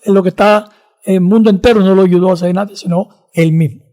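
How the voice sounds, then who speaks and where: Bible teacher, male, high pitch, measured explanatory delivery. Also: steady tone, mellow. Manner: measured, explanatory, reads scripture slowly. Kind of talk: Bible study discussion.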